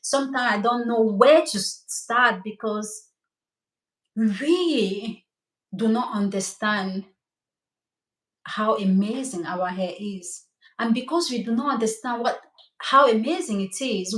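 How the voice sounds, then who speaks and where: A woman's voice: fairly high pitch, echoey room. A middle-aged woman from Cameroon with a Cameroonian French accent, a native French speaker, teaching hair care on a live stream. She talks with eager enthusiasm and keeps checking in with her listeners. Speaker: hair coach and cosmetologist.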